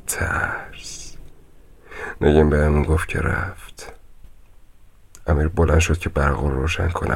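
A man playing a grim storyteller in a horror radio drama, recounting a ghost encounter in a slow, hushed voice that often drops to a whisper. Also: extremely low pitch, creaky, husky, full character voice. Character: grim older man in a hospital, warning a visitor.

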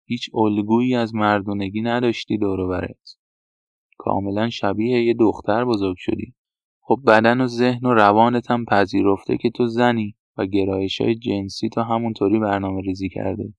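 A man's voice: fairly low pitch, fairly even intonation, vocal fry, no echo. A man voicing a frank male doctor who gives direct, matter-of-fact advice. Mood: advising. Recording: dull, dry lo-fi recording.

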